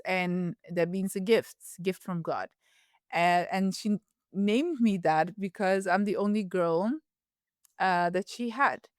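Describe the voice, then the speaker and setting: This woman, born in Ethiopia and raised in the Netherlands, appears as a podcast guest in a casual interview, speaking reflectively with frequent fillers and restarts. Her mid-range voice has a clean tone, and the studio recording is clean with no room sound.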